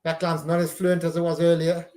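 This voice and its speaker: A man's voice: a little high, completely flat delivery, a little fast, a little mellow, echoey room. A man hosting a live stream, giving casual running commentary on a match and reacting to each play.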